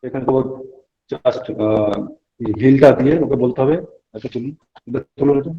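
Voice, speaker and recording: A medical lecturer at a hospital bedside teaches a clinical examination, explaining tests to students and giving instructions to the patient. He has a medium-pitched voice at a moderate pace, captured in a dull, lo-fi recording.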